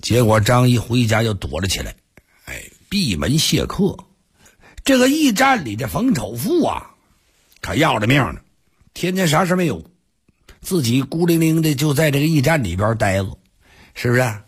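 A man performing a traditional story for radio, lively and dramatic, with asides to listeners. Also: mid-range voice, moderate pace, long pauses, slightly rough. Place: radio studio.

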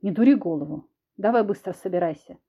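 A woman's voice: expressive, warm tone, breathy edge. A woman doing a smug, menacing husband. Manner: low, slow, insinuating menace. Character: menacing controlling husband, grown man, smug and cruel. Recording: dull lo-fi recording.

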